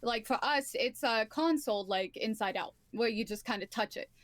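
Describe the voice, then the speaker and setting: A woman's voice: fairly high pitch, normal speed, a bit bright, no room sound. A woman chatting casually as a guest, explaining at length and swearing now and then. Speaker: guest on a stream. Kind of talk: casual chat.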